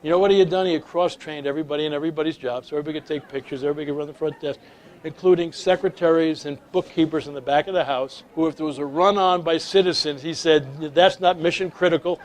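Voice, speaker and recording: An older man delivering a keynote talk as a storyteller. His voice sits a little high for a man. He brings the quoted dialogue in his stories to life with animated delivery. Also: fast, a faint crowd. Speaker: leadership speaker.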